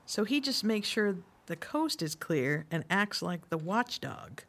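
A woman playing a bossy police officer in a sitcom radio play, giving brisk orders. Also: medium pitch, sing-song, a bit bright, exaggerated voice. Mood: commanding.

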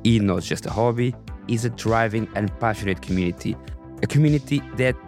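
A man with a raspy voice and non-native English, hosting a podcast in a scripted narration style. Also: on the low side, a little mellow. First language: not English. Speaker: podcast host.

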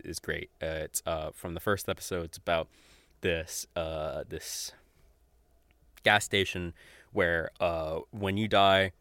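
On his podcast, a man with a low-pitched, slightly bright voice rambles informally through audio dramas he recommends. He's enthusiastic, sweary, and frequently chuckles mid-sentence. There's no echo.

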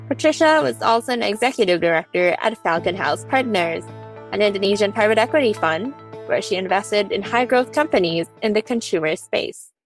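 A woman announcer reading a guest's biography in even, scripted narration. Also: mid-range voice, a little fast, soft background music, poor audio.

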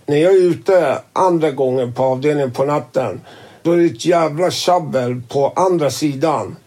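The interviewee's voice is a little high and a little mellow as he casually narrates what happened to him, swearing liberally and acting out the exchanges he's quoting.

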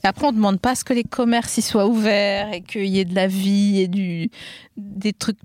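A woman's voice: mid-range voice, level tone, moderate pace, a little mellow, no echo, studio quality. A woman from Alsace hosting a podcast, chatting casually and teasing her guest, laughing often. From Alsace, France. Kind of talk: casual chat.

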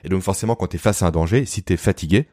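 A man's voice: low voice, mellow, no room sound, clean studio sound. A man explaining health topics as a guest, in a didactic, informal way. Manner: fast, didactic, addresses the listener informally. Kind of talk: explanatory podcast talk.

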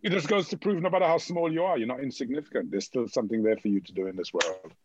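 A man's voice: mid-range voice, quick pace, highs cut off, background noise. A man giving an encouraging, motivational talk as an interview guest, often checking in with "right?", heard over a remote call line.

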